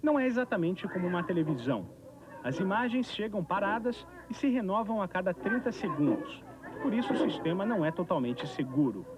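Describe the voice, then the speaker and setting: A man's voice: sits high, animated. Man reporting news, off old VHS tape. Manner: measured newsreader delivery. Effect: old VHS tape recording with hiss. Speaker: news correspondent. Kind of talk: scripted TV news report narration.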